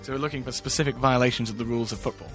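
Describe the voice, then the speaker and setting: A man's voice: medium pitch, fairly even intonation, racing, a bit bright, faint music behind. A man co-hosting a comedy podcast with dry, wry jokes. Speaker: co-host.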